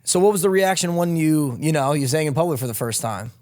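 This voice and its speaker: A man's voice: a little high, animated, fast, a little mellow. A man from Connecticut hosting a podcast interview, upbeat and jokey, peppering his questions with "dude.". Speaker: podcast host. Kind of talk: casual interview.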